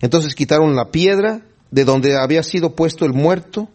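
A man preaching a sermon to his congregation, his voice sitting a little higher than most men's. He reads scripture aloud and keeps turning to the listeners with emphatic rhetorical questions. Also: normal speed, darkish tone. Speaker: pastor. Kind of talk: sermon with Bible reading.

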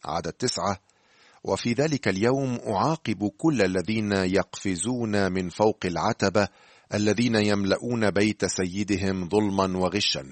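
A man giving scripted radio Bible teaching, speaking to the listener in a measured, earnest way. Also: on the low side, no echo.

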